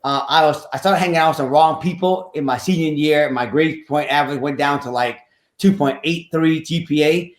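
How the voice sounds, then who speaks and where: A man from Vietnam in his fifties, who invests in real estate, talks about his life as a podcast guest at normal speed. His voice is on the high side and the room is echoey; the casual storytelling is earnest and repetitive, with slightly nonstandard English grammar.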